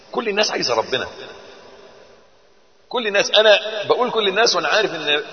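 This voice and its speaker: A man with an Egyptian Arabic accent preaching a sermon, swinging between loud emphasis and soft, gentle tones. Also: high voice. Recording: muffled, with long hall reverb.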